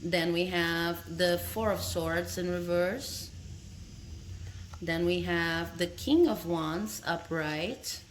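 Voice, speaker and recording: Her voice fairly low and her pace slow, a Brazilian tarot reader with a Brazilian Portuguese accent talks casually to camera, recorded on a phone indoors with a little hiss or hum. She stays friendly, laughing between phrases and frequently asking her viewers "okay?"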